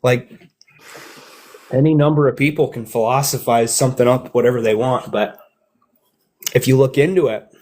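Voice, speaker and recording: Here is a man with a husky, slightly raspy voice at a middle pitch. He chats casually on a live stream and is quick to push back and argue. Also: a little mellow. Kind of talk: casual chat.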